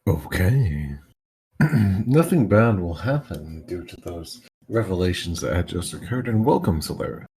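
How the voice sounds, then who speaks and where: A man running a tabletop game as game master, narrating slowly in halting bursts while his audio cuts in and out over a bad connection. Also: low voice, lively intonation, a little mellow, a little hiss or hum. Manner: halting, slow scene-setting with long pauses. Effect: bad connection, audio cutting in and out. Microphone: headset or desk mic on a voice call.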